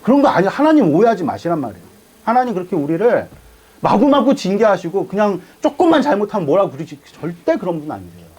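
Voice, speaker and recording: A man's voice: high voice, big pitch swings, quick pace, a little mellow, husky, poor audio. A man preaching a sermon as pastor, asking the congregation questions and answering them. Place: church sanctuary.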